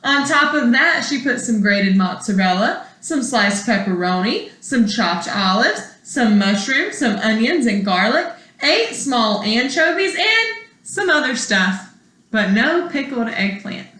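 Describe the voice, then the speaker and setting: Her voice fairly high and her pace a little slow, a woman teacher reads a picture book to an imagined class of young pupils. She's expressive and puts questions to the little listeners, and the room echoes.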